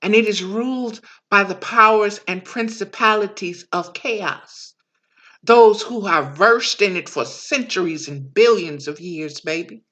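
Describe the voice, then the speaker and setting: A woman's voice: medium pitch, a little slow, fairly bright tone. A woman giving a reflective spiritual monologue as a teacher, in a preaching manner.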